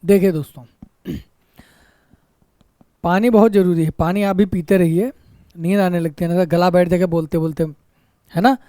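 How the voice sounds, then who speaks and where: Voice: medium pitch, fairly even intonation, normal speed, long pauses, mellow, no echo, clean studio sound. A Hindi teacher giving an exam-prep grammar lesson who repeats each point, keeps asking the class "isn't it?" and acts out short exclamations as examples. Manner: repetitive, keeps asking "isn't it?" tag questions.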